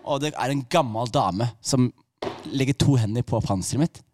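A male comedian telling a comic story in an animated way, with wide swings in loudness and pitch. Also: background noise. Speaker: comedian guest.

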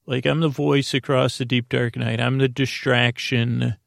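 Close-miked and dry with no room sound, a gravelly, creaky-voiced podcast host delivers a bedtime monologue flatly. He meanders and halts, often stumbling over words and cutting himself off to fix what he said. It all comes across as droning and low-stakes.

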